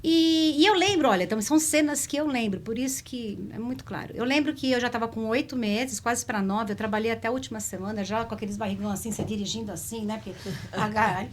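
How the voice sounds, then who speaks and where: A woman telling a personal story in a conversation, in a lively, emotional way. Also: on the high side, fast, a little hiss or hum. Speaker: spiritist speaker.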